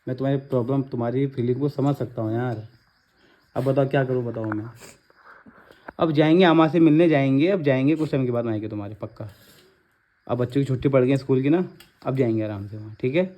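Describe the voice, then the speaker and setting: A man in a casual family vlog who gently consoles and coaxes, recorded on a phone. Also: mid-range voice, fast talker, lo-fi sound. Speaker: vlogger, husband.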